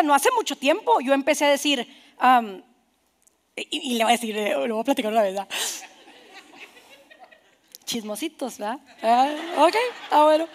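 A woman pastor, preaching animatedly, quoting people in asides and dropping to a soft whisper for emphasis. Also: sits high. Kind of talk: sermon.

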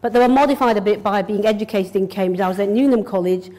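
A direct, middle-aged consultant nephrologist from Yorkshire, England, gives a public lecture indoors in a lecture room, speaking into a lectern mic. Her mid-range voice is quick and dark-toned, and her manner is direct, organised and conversational.

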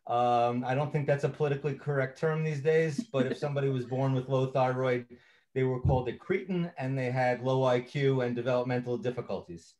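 A man's voice: mid-range voice, fairly even intonation, brisk, a little mellow. Male presenter, conversational training lecture, filler-heavy delivery. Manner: conversational, frequent uh fillers and self-corrections.

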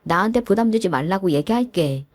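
A woman voicing a meek, apologetic young husband who pleads softly. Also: mid-range voice, expressive, a little fast, no room sound, lightly acted.

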